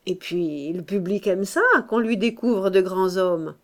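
Brief: glib young male journalist, read by a woman, jaunty and offhand, unhurried audiobook pace. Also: mid-range voice, mellow, lightly acted. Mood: breezy. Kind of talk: audiobook character voice.

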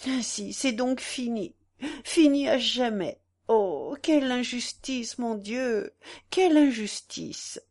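A woman voicing an anguished young woman who pleads through her tears, in a slow storybook reading. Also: fairly high pitch, animated, a little mellow, heavily acted. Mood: tearful. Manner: pleading, tearful.

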